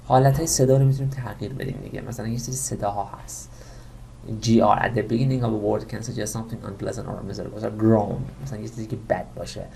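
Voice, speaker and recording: Low gravelly male English teacher. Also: fairly even intonation, a little hiss or hum. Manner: reads English words slowly and loudly, then explains in Persian. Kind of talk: Persian-language English lesson, reading word lists aloud.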